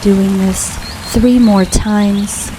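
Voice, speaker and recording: A woman leading a guided grounding meditation in a calm, soothing, unhurried way, leaving long pauses between phrases. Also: medium pitch, low-quality recording. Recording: steady rain noise behind voice. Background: rain falling.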